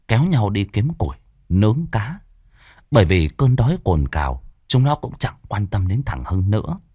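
A man narrating a horror tale with dramatic flair and a lowish voice that rises and falls widely across each phrase. The recording is close and dry with no room echo. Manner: dramatic, expressive storytelling. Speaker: storyteller.

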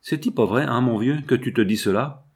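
A man reading a storybook and voicing a cocky teenage boy with a raspy voice, breezy and mock-ceremonious. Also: medium pitch, a little fast. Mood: cheeky.

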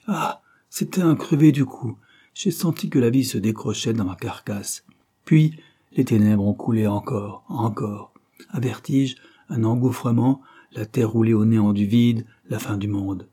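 A man voicing an anguished male painter who speaks in broken, passionate outbursts, in a dark, husky voice. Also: medium pitch. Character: anguished male painter, despairing over his canvas.

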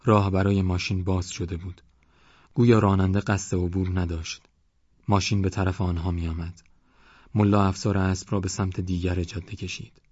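A male audiobook narrator with a low, husky voice reads in a steady, even storytelling manner. The recording is dry and close, with a dull, lo-fi sound. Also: no room sound.

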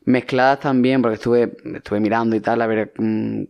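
A man's voice: mid-range voice, steady tone, moderate pace, creaky, muffled recording. A man with a Spanish accent co-hosting a casual film podcast, explaining things at length with frequent restarts. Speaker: podcast co-host.

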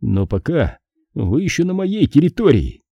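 A man's voice: medium pitch, very animated, normal speed, husky, no echo, dull audio. A man voicing a sardonic, hard-drinking male private detective with a dry, mocking manner, in an audiobook reading. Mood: gruff, sardonic.

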